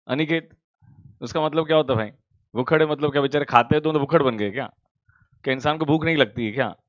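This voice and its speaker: A male commerce teacher, at home, in casual chat with students before an online class, teasing them warmly. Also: medium pitch, dry recording. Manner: teasing, affectionate, calls students beta. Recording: dull, dry lo-fi sound.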